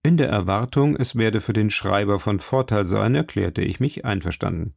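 A man narrating a literary story in the first person, in a measured, somber reading. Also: lowish voice, gravelly, no echo, clean studio sound. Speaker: audiobook narrator.

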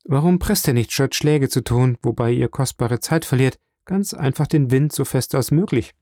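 A man's voice: medium pitch, moderate pace, warm tone, no echo, studio quality, natural voice. A man reading an audiobook, voicing a determined young seaman who speaks in an earnest, confident way.

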